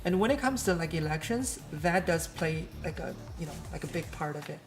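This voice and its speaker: A woman streamer chatting casually in a slightly low voice. She talks loosely, restarts often and slips in dry jokes. Soft music plays quietly behind her. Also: animated, brisk. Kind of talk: casual chat.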